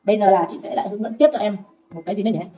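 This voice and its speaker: A woman teaching Vietnamese, patiently saying sounds slowly for her student to repeat. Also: mid-range voice, fairly even intonation, dark tone. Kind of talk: pronunciation drill lesson. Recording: dull lo-fi recording.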